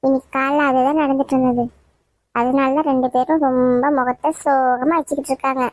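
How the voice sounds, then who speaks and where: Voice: high-pitched, flat delivery, fairly quick, no echo, lightly acted. A performer voicing a worried mother and a chatty younger sister in a cartoon family drama. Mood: confiding.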